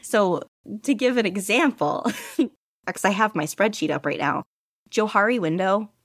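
A podfic narrator is being interviewed, chatting casually as a guest and rambling in an animated, self-deprecating way, quick to laugh at herself. Her voice sits at medium pitch, and the recording is dry with clean studio sound.

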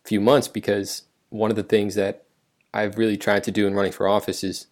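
Flat-toned low male interviewer. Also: brisk. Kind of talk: interview questions.

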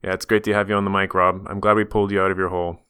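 A man hosting a podcast, speaking in an upbeat, energetic way. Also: deep voice, racing, clean tone, no echo, clean studio sound. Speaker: podcast host.

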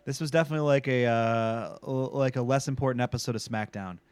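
A man's voice: medium pitch, quick pace, smooth, dry recording. A man co-hosting a casual TV recap chat, talking emphatically and swearing freely. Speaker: podcast co-host.

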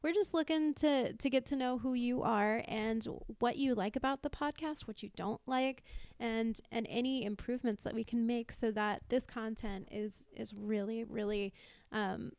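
A woman co-hosting a podcast, speaking in an upbeat, unhurried way. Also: a little high, darkish tone, clean tone, no room sound, clean studio sound. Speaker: podcast co-host. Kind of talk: casual podcast chat.

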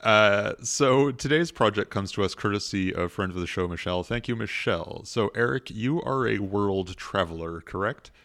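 A man with a low voice co-hosts a casual comedy podcast. He speaks in a dry, mock-formal deadpan. He is recorded close up on a dry mic. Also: normal speed, hardly any pauses, no room sound. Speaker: podcast co-host.

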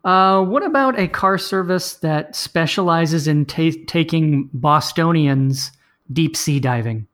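A man's voice: a little high, unhurried, hardly any pauses, a bit bright. A man hosting a comedy podcast, giving prompts like a teasing, dry quizmaster in casual banter. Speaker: host running comedy game rounds.

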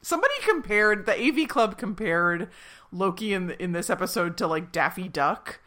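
A woman's voice: on the low side, animated, moderate pace, a bit bright. A woman podcast co-host in casual chat, animatedly retelling a TV episode with frequent giggles and fillers.

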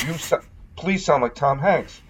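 A man's voice: a little high, measured pace, slight background noise. A man from New England with a Northeastern US accent, chatting enthusiastically about films on a podcast with many restarts. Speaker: podcast co-host. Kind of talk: casual film discussion.

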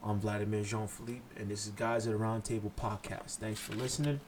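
A man's voice: fairly low pitch, steady tone, a little fast, a little hiss or hum. A man from Haiti hosting a solo podcast, blunt and impassioned, cursing freely as he lectures his listeners. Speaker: podcast host.

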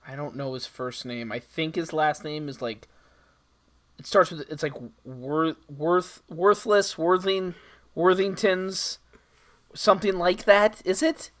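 Man, casual podcast co-host, dry teasing quips, slightly higher voice. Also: fairly even intonation, a little slow, a bit bright. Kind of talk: casual chat.

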